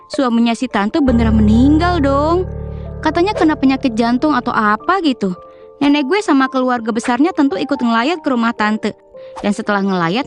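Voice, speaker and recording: A woman narrating a family story in a chatty, slangy way, talking straight to her viewers. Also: a little high. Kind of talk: casual storytime narration over mukbang video. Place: voice-over.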